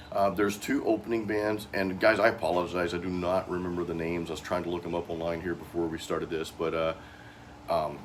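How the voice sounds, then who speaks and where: A man's voice: sits low, slight background noise. A middle-aged American man hosting a casual, informal chat in loose, slangy speech. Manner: informal, peppered with "dude" and "man". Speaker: host.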